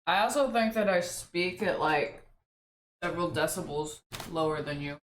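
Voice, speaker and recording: A woman's voice: on the low side, moderate pace, a little hiss or hum. A woman in the room with a streamer, chatting casually and teasing him from away from the microphone. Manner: teasing, joking. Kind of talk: casual chat. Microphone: distant from the stream mic. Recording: off-mic in an echoey room.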